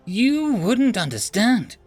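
A man voicing a young tentacled alien heiress who whines and pleads melodramatically in a high voice. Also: sing-song, slow, darkish tone, no echo, full character voice. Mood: whiny. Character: young tentacled alien hive-mind heiress, whiny and lovestruck.

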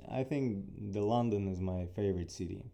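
Low, dark-voiced man with Ukrainian accent. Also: a little fast, creaky, highs cut off. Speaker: interview guest, athlete. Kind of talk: casual conversational interview answers.

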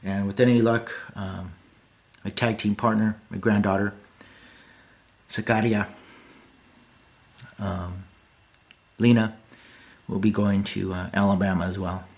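Middle-aged guy rambling on his podcast, blunt and earnest, lowish voice. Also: little pitch movement, slow pace, vocal fry, pauses often. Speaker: podcast host. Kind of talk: casual monologue.

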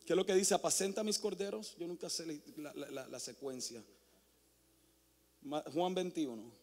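A male pastor preaching a sermon, swinging from hushed near-whispers to loud, impassioned calls. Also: a little high, normal speed, big-room sound.

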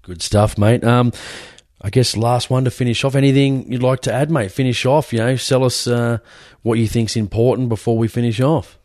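A man's voice: mid-range voice, fairly even intonation, normal speed, a little mellow, dry recording, clean studio sound. An Australian man hosting a podcast, chatting casually in a blokey, matey, rambling way. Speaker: podcast host. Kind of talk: casual interview chat.

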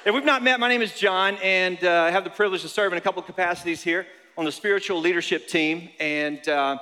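A man in his forties preaches conversationally in a large, reverberant church hall. His voice sits high and has a forceful edge, and he often doubles back on words for emphasis. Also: smooth. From North Carolina, United States. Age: 40s. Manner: halting, repeats words for emphasis. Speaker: pastor. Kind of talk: conversational sermon with personal anecdotes.

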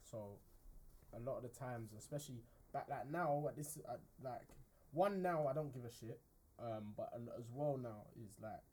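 A man's voice: mid-range voice, moderate pace, warm tone. A man, chatting as a podcast co-host and telling a story full of slang. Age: 20s. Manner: storytelling, slangy, keeps asking "do you understand". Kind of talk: casual chat. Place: studio.

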